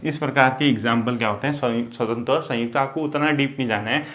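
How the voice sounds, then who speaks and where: A man teaching Hindi grammar for exams, who keeps saying "ठीक है", poses questions and answers them himself, and slows down to spell out vowel sounds. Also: mid-range voice, fairly bright tone. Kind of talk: exam-prep lesson at a board.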